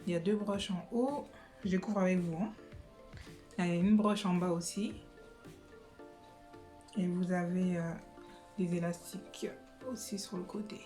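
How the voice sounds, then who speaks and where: A woman's voice: lowish voice, steady tone, a little slow, pauses often, mellow, soft background music. A young woman chatting casually in her living room during a wig try-on vlog, hesitant and full of fillers and restarts. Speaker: beauty vlogger.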